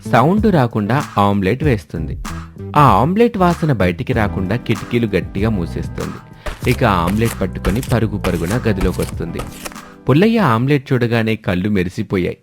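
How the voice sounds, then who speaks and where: A man narrating an animated family story in a storytelling manner. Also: lowish voice.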